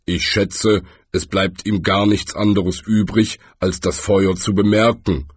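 A man doing a deep, rumbling troll. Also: level tone, takes it slowly, slightly rough, no echo, exaggerated voice. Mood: wry. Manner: rumbling, grumbling. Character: gruff old male troll.

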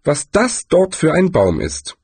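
A man putting on a high, eager tourist voice. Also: huge pitch swings, measured pace, darkish tone, slightly rough, no echo, full character voice. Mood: eager curious. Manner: cheerful, curious, questioning. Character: eager naive male tourist.

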